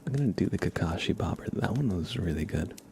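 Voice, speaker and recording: Hosting a laid-back ASMR stream, this man has a very low, crackly, gravelly voice that stays expressive while soft and partly whispered. His informal rambling comes with little halting pauses, and keyboard typing and light noise sit in the background.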